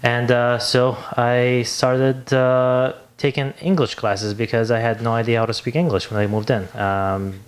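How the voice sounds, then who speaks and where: Telling his story in English on a casual podcast interview, a young Libyan business owner hunts for his words yet pauses little. His medium-pitched voice is flat and unhurried.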